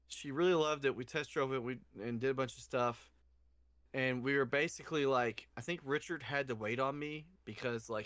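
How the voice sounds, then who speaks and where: A young man co-hosting a casual podcast, telling animated stories and cussing freely. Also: mid-range voice, no echo. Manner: animated storyteller, cusses freely, acts out quotes. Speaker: podcast co-host. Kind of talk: casual drunken storytelling chat.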